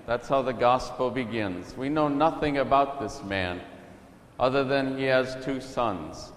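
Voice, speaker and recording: Pausado sacerdote en una iglesia con eco. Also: male voice, mid-range voice. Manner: calm, storytelling preacher. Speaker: priest. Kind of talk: gospel reading and sermon. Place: church. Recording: echoey church from a distance.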